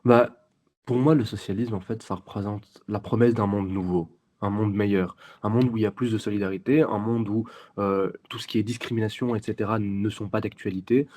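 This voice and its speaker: A young man of twenty-one with a Belgian French accent, speaking in a fairly low, mellow voice. He explains his views earnestly, step by step, as a guest in an interview. He often hesitates and restarts his sentences. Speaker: guest, youth party section president. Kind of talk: interview answers.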